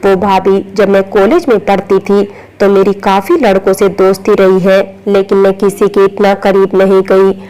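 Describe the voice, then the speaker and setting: A woman's voice: mid-range voice, level tone, normal speed, dark tone, close to an everyday voice, low-quality recording. A woman voicing a frightened, begging young woman. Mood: confessing. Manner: pleading, anxious.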